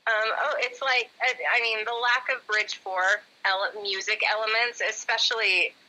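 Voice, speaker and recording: A woman with a very bright, high voice, chatting casually on a live stream. She giggles, teases and rambles, and her audio sounds tinny, like a phone line. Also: steady tone, moderate pace. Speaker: co-host and composer in a live Q&A.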